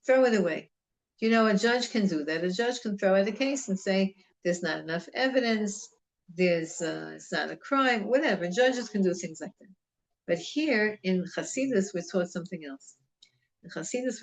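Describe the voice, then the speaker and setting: An American woman with a mid-range voice leads an informal religious class on the Psalms. She speaks conversationally and wanders off on tangents, sprinkling Hebrew terms into her English.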